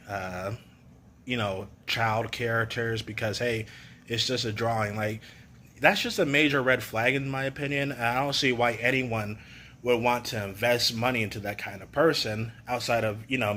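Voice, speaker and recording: Man, low-pitched voice, sharp forceful tone, sarcastic casual rant, opinionated, lots of fillers. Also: slight background noise. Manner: opinionated, sarcastic, heavy on "you know" fillers. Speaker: YouTube commentator.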